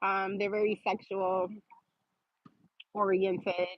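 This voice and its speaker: A woman's voice: medium pitch, little pitch movement, slow pace, no echo, lo-fi sound. Sarcastic woman chatting on a livestream. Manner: sarcastic, laughing, talks back to commenters. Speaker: livestream host reading viewer comments. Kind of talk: casual livestream chat.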